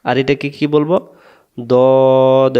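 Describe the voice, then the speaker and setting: A man's voice: mid-range voice, moderate pace, lo-fi sound. A man teaching Arabic letter pronunciation for Quran reading, patiently drilling syllables and asking learners to repeat after him. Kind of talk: slow letter-by-letter recitation lesson.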